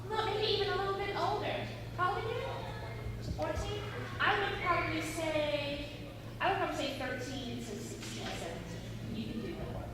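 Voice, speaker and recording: A woman teaching an acting workshop, lively and questioning her class as she explains. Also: very high voice, moderate pace. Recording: echoey room, far from the mic, noisy.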